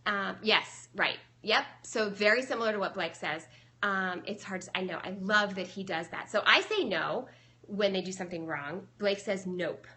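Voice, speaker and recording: A young adult woman who trains dogs chats casually on a live stream about her methods, answering viewers as she goes. Her voice is medium in pitch and sharp in tone, at a moderate pace, with many fillers.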